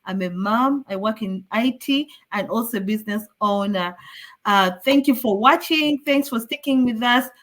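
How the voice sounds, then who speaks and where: Woman from Uganda hosting a live online show, upbeat and welcoming, fairly high voice. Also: moderate pace, a bit bright. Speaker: host.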